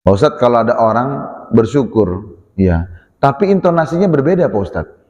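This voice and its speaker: A man preaching to a mosque congregation. He talks in a lively way, acts out questions from his listeners and slips in jokes. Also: medium pitch, moderate pace, lo-fi sound. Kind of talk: mosque sermon. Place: mosque hall. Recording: long reverb of a mosque hall.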